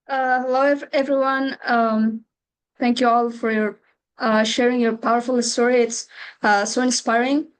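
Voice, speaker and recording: A young woman from Afghanistan on a video call, sharing her own story slowly with many hesitant pauses. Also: fairly high pitch, little pitch movement, clear, resonant tone, poor audio. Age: young adult. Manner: slow and halting, many uh pauses. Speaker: webinar participant. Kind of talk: personal testimony on a video call.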